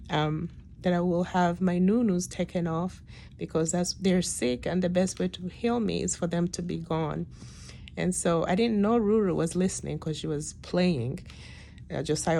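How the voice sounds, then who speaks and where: Woman in her late 30s, weak and tired after surgery, mellow creaky voice, hesitant reflective diary talk, noticeable room noise. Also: lowish voice. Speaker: patient giving a personal health update. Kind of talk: casual video diary. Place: hospital room.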